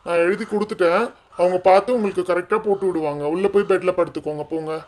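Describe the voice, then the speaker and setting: A woman voicing an adult doctor doll who briskly lectures a parent in a doll show. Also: lowish voice, steady tone, a little mellow, pitched below the performer's own voice, lightly acted. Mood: stern. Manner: brisk, scolding advice.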